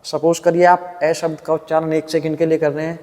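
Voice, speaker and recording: A man teaching a yoga breathing lesson, guiding calmly and patiently step by step and demonstrating the breaths and hums aloud. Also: on the high side, fairly quick, big-room sound. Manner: calm, patient step-by-step guidance. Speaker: yoga instructor.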